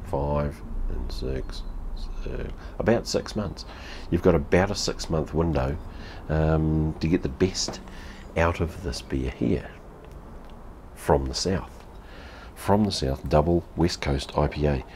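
Slow and darkish, a bass voice carries this casual beer-review vlog, with slight background noise. The speaker is a New Zealand man in his fifties in a room at home with a TV behind, blunt, sweary, and prone to repeating himself.

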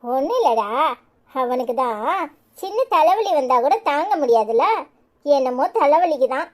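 A woman voicing a gentle, reassuring mother in a Tirunelveli Tamil accent for a cartoon. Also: high voice. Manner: coaxing, reassuring. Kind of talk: cartoon comedy voice acting.

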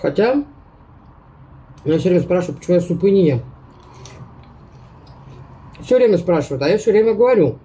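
Woman vlogger, very mellow dark tone, rambling mukbang chatter, mouth full and chewing. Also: on the low side, animated, fairly quick, long pauses, muffled recording. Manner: chatty, rambling, talks straight to viewers. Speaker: food vlogger. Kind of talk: casual mukbang chat to viewers.

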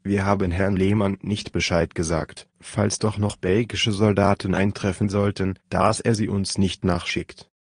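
Man reading a calm commanding adventurer, deep, dry, measured. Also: slightly rough, no echo, heavily acted. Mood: firm. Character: calm, decisive male adventurer leading the search. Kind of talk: audiobook reading.

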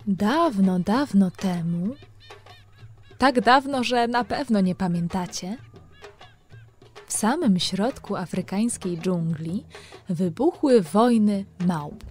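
With frequent pauses and a slow, animated delivery, a woman hosting a children's show tells playful stories directly to the kids listening. Her voice is medium-pitched and darkish in tone, backed by soft music.

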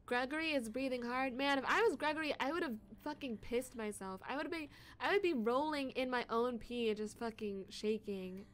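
A young woman streaming games from home into a desk microphone, loud and excitable, shrieking and swearing as she plays. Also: high-pitched, fairly quick, few pauses, a little hiss or hum. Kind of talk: live game streaming. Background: game music.

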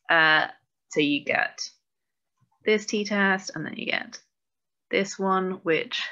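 A woman with a gravelly, crisp-edged voice sits a little low in pitch as she talks through code on a video call. She mutters to herself and pokes fun at herself. The audio is dull and lo-fi. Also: pushed and bright. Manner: self-deprecating, thinks aloud, mutters to herself. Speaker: book club presenter. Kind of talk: casual live-coding walkthrough.

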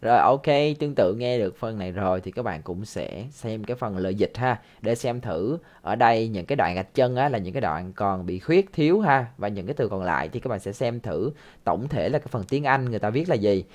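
A man's voice: lowish voice, lively intonation, fairly quick. Male teacher, patient and repetitive, walks students through listening drills. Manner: patient, repeats phrases, ends sentences with soft tag words. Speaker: English teacher. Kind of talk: explaining a listening lesson.

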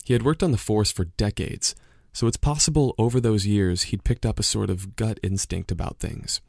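An actor playing a curious young podcaster-investigator who narrates and questions in a measured way in an audio drama. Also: male voice, lowish voice, creaky, darkish tone, no room sound, studio quality. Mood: narrating.

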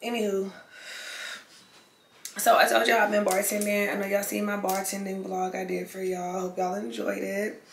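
A woman's voice: mid-range voice, level tone, moderate pace, gravelly. A young woman vlogger chatting casually to camera while she eats, loose and slangy with plenty of swearing. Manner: loose, slangy and swearing, chewing between lines. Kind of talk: casual mukbang chat to camera. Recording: echoey room, faint background noise.

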